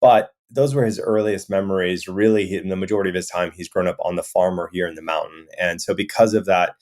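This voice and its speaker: A man in his thirties from Miami, a guest in an interview, talking in a relaxed way full of "you know" fillers. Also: deep voice, fast. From Miami, USA. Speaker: guest, resort owner. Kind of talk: conversational interview.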